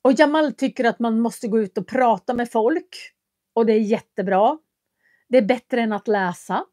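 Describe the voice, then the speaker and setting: A language teacher from Köping, Västmanland, Sweden, chats casually on a livestream, answering viewer comments with friendly hesitations. Her mid-range voice is a little mellow, recorded at studio quality with no room sound.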